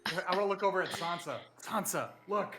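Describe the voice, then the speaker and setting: A man's voice: sits high, brisk, over loud music. A man playing a tabletop game, teasing and giggling between lines. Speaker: player.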